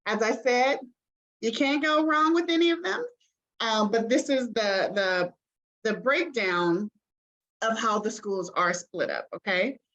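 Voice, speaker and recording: A woman's voice: fairly high pitch, measured pace, fairly bright tone, highs cut off. Chatty woman leading a video-call info session. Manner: chatty and encouraging, many ums and okays. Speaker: admissions representative. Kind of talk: online information session.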